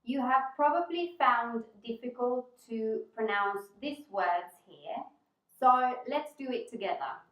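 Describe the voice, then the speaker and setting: A woman with a slightly high voice gives an instructional pronunciation lesson to language learners. She speaks slowly and deliberately, setting model words apart with care. The room adds a noticeable echo around her voice. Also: fairly bright tone. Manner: slow, deliberate speech with carefully separated model words. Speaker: English pronunciation teacher. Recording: roomy, echoing sound.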